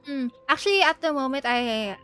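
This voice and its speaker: Animated and fairly bright, a high-voiced woman chats at a normal speed on her game livestream. As she plays, she thinks aloud in a hesitant, giggly manner while game music runs underneath.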